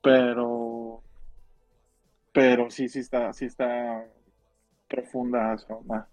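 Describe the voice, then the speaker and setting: A man's voice: mid-range voice, flat delivery, slow pace, a little mellow, soft background music, rough recording. A man with a northern Mexican accent chatting casually in slang as a podcast co-host, rambling and repeating his phrases. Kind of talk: casual slangy chat about films and music.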